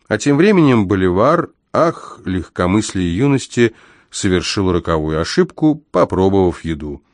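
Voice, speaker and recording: Deep-voiced male audiobook reader. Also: no room sound, studio quality. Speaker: audiobook narrator. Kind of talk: first-person audiobook narration.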